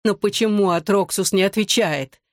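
Brief: reader doing a soft, hoarse female ghost, pleading and reproachful, storybook reading, dry close sound. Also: mid-range voice, normal speed, no room sound, lightly acted. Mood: anguished. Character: anguished ghost of an older sister, bleeding and desperate. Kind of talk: audiobook reading.

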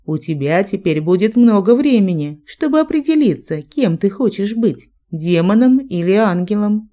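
A solemn, formal angel judge, read by a woman in a mellow, warm voice. The delivery is measured and ceremonial, as in a storybook reading. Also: mid-range voice, lively intonation, natural voice. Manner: formal, pronouncing a verdict.

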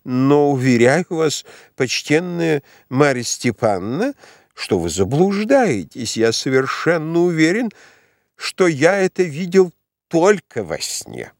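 Man putting on a confused old prince, hesitant and vague, highish wobbly voice. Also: very animated, takes it slowly, dry recording, clean studio sound, heavily acted. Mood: bewildered. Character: muddled, dithering elderly prince. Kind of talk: audiobook reading.

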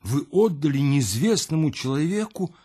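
A man voicing an anxious, devoted young woman in an audiobook, pleading and high-strung. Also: big pitch swings, moderate pace, warm tone, slightly rough. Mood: distraught. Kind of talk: audiobook character voice.

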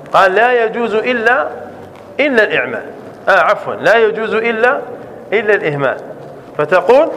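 Male grammar teacher, fairly high voice, patient explainer who drags out examples, faint hiss behind. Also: fairly bright tone. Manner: slows down to spell out example sentences, asks "clear?" often. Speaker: sheikh teaching Arabic grammar. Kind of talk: classroom grammar lesson.

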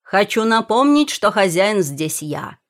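Lady doing a bossy hot-headed prince, loud and commanding, audiobook. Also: lowish voice, measured pace. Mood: angry. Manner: commanding, shouting. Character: imperious young male prince, hot-tempered. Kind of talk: audiobook character voice.

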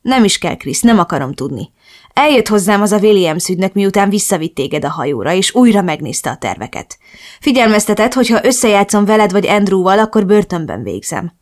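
A woman's voice: mid-range voice, big pitch swings, lightly acted. A woman voicing a young man, the heroine's devoted best friend, in an earnest, reassuring way.

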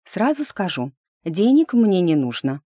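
Sly pushy reporter lady, brisk and wheedling, dry close sound , as a woman reader puts her on. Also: lowish voice, big pitch swings, mellow, dry recording, voice pushed up. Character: pushy young female journalist, sly. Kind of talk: audiobook character reading.

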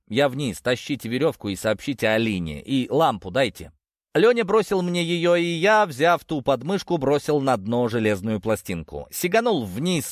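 Male narrator, lively pitch, dry close recording. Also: dry recording. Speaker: audiobook narrator. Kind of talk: first-person audiobook narration.

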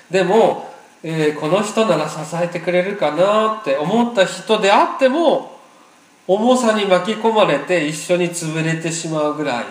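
A man preaching a sermon as pastor, earnest and emphatic, repeating phrases for weight. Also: on the high side. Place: church hall. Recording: roomy echo.

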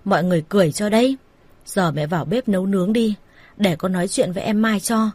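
A woman's voice: medium pitch, quick pace, a little mellow, breathy edge, dry recording, natural voice. A woman voicing a persuasive older brother who coaxes his younger sister in an everyday voice. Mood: pleading. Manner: coaxing, persuasive. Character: coaxing older brother, a smooth-talking manager.

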